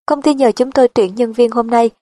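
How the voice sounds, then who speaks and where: Woman voicing a businesslike recruiter, direct coaching manner, higher pitched. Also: steady tone, fairly quick, warm tone, no room sound, natural voice. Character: firm, businesslike female job recruiter.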